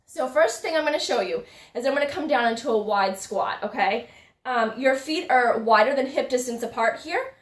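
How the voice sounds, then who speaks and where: A woman's voice: a little high, lively intonation, moderate pace. A woman fitness instructor leading a live-streamed workout, a little out of breath, upbeat and chatting with her viewers. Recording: echoey room, voice from a distance.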